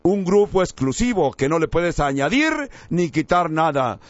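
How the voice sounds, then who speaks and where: A man's voice: on the high side, expressive, normal speed, no room sound. A man preaching a sermon in an emphatic way, his voice climbing on key words. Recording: dry, slightly dull recording.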